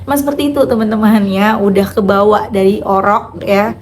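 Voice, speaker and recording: Loud, fast-talking woman. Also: mid-range voice. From North Jakarta, Indonesia. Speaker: vlogger and author. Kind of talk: casual chat to viewers.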